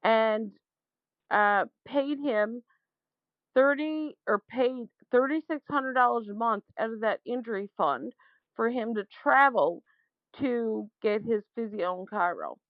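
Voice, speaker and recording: A woman's voice: fairly high pitch, slow, dry recording. Indignant woman leaving a muffled voicemail. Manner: indignant, insistent, emphatic, argumentative. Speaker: caller leaving a complaint. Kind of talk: leaving a voicemail, airing a grievance. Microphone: telephone. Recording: muffled, dull voicemail recording.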